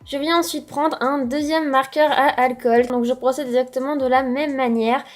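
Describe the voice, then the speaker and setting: A woman's voice: sits high, fairly even intonation, moderate pace, faint music behind. A young woman hosting a drawing tutorial and chatting through each step in a friendly how-to manner.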